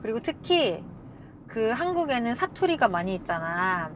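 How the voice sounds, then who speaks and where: A woman from Korea chats at a very fast clip, her voice fairly high and animated. She laughs easily mid-story, with faint car noise in the background. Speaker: co-host. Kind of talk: casual chat. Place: inside a moving car.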